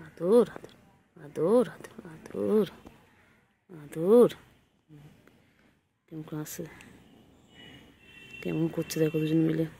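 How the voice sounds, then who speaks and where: A woman with a gravelly, creaky voice coos doting baby talk at her cats, repeating pet names and soft commands. Faint noise hums behind her. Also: low-pitched, slow, long pauses. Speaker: pet vlogger.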